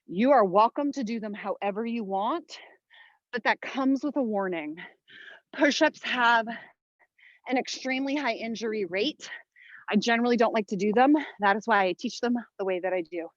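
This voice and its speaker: Her voice a little high, a woman coaches a follow-along workout with brief, motivating cues and counts. She's clearly exerting herself, with breaths and sighs audible. The audio is dry and dull.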